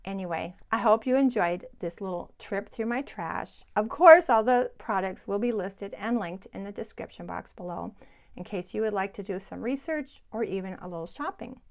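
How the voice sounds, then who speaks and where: A woman's voice: medium pitch, normal speed, darkish tone. Chatty woman in her sixties. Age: 60s. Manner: chatty and enthusiastic, addresses viewers directly. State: sweating in the heat. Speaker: beauty vlogger. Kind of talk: casual product review chat. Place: home, hot room without air conditioning.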